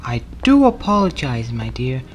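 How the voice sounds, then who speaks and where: A woman's voice: extremely low pitch, big pitch swings, normal speed, slight background noise. The Master, swooping theatrical villain played by a woman. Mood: mock-polite. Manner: theatrical, mock-courteous, condescending. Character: suave, sarcastic renegade male Time Lord villain. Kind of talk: audio drama acting.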